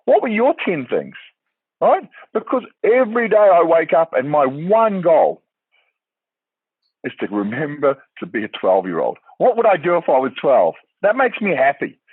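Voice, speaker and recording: Animated man on a tinny line. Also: on the high side, normal speed, breathy edge, no room sound. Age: 40s. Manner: animated, rambling and emphatic. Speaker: podcast panelist. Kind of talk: casual discussion. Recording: tinny phone-like call audio.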